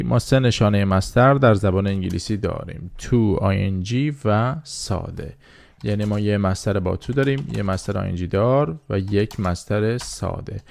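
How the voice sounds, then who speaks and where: Gravelly low-voiced man teaching slowly. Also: dry recording, studio quality. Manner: slow drilling repetition of words, patient explaining. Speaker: English teacher. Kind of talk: beginner language lesson.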